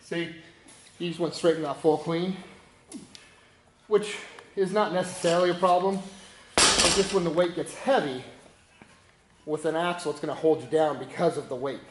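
A man's voice: on the high side, steady tone, normal speed, pauses often, reverberant, background noise. A man coaching a lift in a gym, walking through the steps with short cues. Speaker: strength coach. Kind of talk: instructional demonstration.

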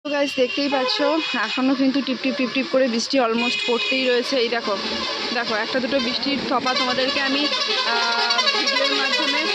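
A woman vlogging casually and talking straight to her viewers, filming on a handheld camera at home and outdoors at a temple. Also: sits high. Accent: Bengali. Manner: chatty, talks straight to viewers. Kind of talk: casual vlog narration. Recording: noisy outdoor sound, rain and traffic.

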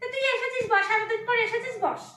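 A woman vlogger talks to her viewers in a very high, quick voice, animated and teasing. Her tone is bright and sharp. The sound carries the echo of a roomy space. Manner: animated, scolding and teasing by turns. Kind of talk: casual vlog chat addressed to viewers.

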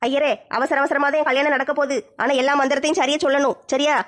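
A woman's voice: high voice, level tone, fast talker, a bit bright, faint music behind. A woman acting a village comedy sketch in a brash, mocking way. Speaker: comic sketch performer.

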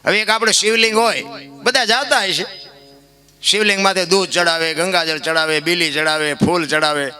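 Storyteller man, high and ringing. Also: fairly even intonation, normal speed, sharp tone. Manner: preachy, rising to emotional high-pitched outbursts. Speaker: dayro storyteller. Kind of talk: folk discourse to a live audience.

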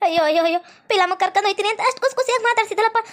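A woman's voice: very high-pitched, rapid-fire. A woman playing a frantic young village wife, wailing and repeating herself. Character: frantic young village wife fussing over her husband. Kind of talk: village comedy skit.

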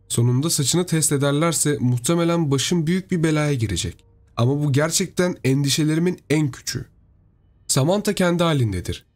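A man narrating a horror story in a steady, storytelling delivery. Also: a little high.

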